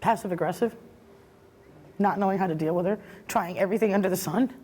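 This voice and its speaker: A woman's voice: mid-range voice, fast, darkish tone, slightly rough. A middle-aged woman speaking as a guest on a talk show, earnest and regretful, turning defensive when challenged. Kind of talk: emotional talk show testimony.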